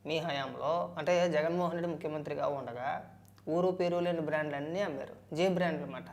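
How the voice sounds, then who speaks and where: A man giving political commentary, arguing back with rhetorical questions. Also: sits high.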